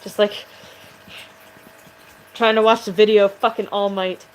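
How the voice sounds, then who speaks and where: A woman's voice: mid-range voice, little pitch movement, measured pace, clear, resonant tone, low-quality recording. A woman vlogger chatting casually to camera, rambling and swearing, with a voice that sounds aggressive.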